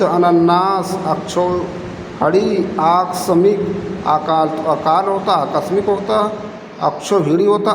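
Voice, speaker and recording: A man teaching a spelling lesson for exam prep, slowly repeating each answer and checking in with the class. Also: fairly high pitch, slight background noise. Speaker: Hindi teacher. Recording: echoey room, faint ambience.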